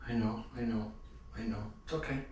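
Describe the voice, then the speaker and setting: A man's voice: on the low side, fairly even intonation, brisk, background noise. Dry-joking man in an echoey room. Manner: dry, rambling self-mocking humor. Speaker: home remodeler. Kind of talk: casual joking vlog. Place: room of a house under remodel. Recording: echoey bare room, mic at a distance.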